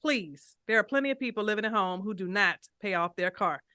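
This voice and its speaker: Animated woman host with a bright, crisp voice. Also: medium pitch, fairly quick, no room sound, studio quality. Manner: animated, playful, addresses listeners as y'all. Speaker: podcast host and financial coach. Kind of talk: casual interview.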